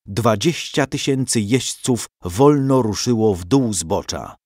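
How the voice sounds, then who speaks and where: A man reading a storybook aloud with dramatic, expressive narration. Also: fairly low pitch, slow pace, no room sound, clean studio sound.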